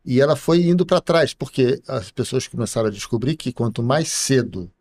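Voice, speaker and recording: A middle-aged man, a university professor, explaining things slowly as a podcast guest, with many pauses and tag questions. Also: mid-range voice, animated, darkish tone. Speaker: computer science professor guest. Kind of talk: podcast interview.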